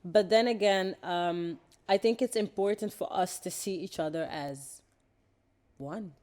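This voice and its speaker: A young woman with a fairly low voice hosts a casual podcast conversation. She backs her guest up with frequent yeahs and short agreements. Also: a little slow, darkish tone. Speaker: podcast host. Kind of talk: casual interview chat.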